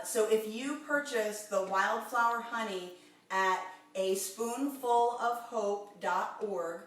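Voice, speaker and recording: A woman's voice: medium pitch, a bit bright, distant mic. Chatty woman chef in echoey kitchen. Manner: chatty, upbeat, with many fillers and laughs. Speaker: chef hosting a live cooking demo. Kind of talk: casual live-stream cooking demo.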